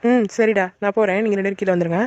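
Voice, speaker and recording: A voice actor playing a caring older sister in a cartoon who speaks in a brisk, matter-of-fact way. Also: mid-range voice, fairly even intonation, a little mellow, dry recording, highs cut off, lightly acted. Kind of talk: cartoon voice acting.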